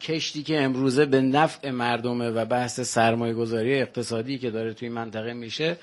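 A man's voice: medium pitch, steady tone. An older man with a Varamini Persian accent, a village guest on a radio show, proudly listing facts about his home. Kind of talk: radio phone-in chat.

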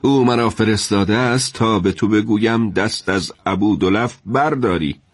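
A man's voice: fairly low pitch, no room sound, natural voice. A man voicing an earnest middle-aged male judge who pleads and reasons in a told story. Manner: earnest, imploring.

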